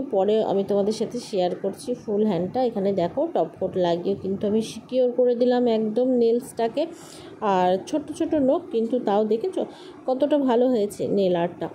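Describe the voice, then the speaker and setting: A woman's voice: fairly high pitch, dark tone, a little hiss or hum, low-quality recording. A woman vlogger and nail artist narrating a casual voice-over, chatting straight to her viewers. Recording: voice-over with clear background music.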